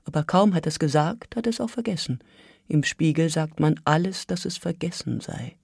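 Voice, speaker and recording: A voice of ordinary middle pitch reads a literary text with measured intensity. It sinks into near-whispers and then swells into urgent passages. The recording is dry and close, with no room echo. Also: expressive, gravelly, husky. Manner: measured and intense, dropping to a hush and rising to urgent outbursts. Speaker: reader. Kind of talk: literary reading.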